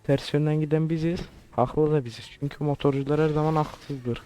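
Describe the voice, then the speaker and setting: A man's voice: a little high, fairly even intonation, fairly quick, mellow, slight background noise. A man giving crude, joking let's play commentary, swearing often and sounding baffled by what he plays. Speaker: gamer.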